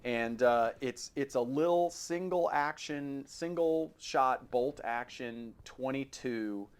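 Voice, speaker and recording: A podcast host, a middle-aged man with an American accent, takes it slowly in a mid-range, clear and resonant voice. He chats casually about firearms, with a wry, jokey streak.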